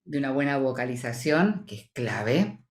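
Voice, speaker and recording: A woman's voice: extremely low pitch, very animated, moderate pace, a little mellow. A woman from Argentina with a Rioplatense accent, a voice-over professional giving articulate, explanatory interview answers. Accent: Rioplatense Spanish. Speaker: voice-over professional, association president.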